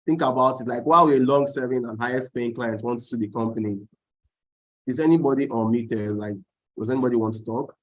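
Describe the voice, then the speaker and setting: A man with a middle-pitched voice facilitates an online training session. He talks conversationally and keeps putting probing questions to the group. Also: a little fast, low-quality recording. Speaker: workshop facilitator.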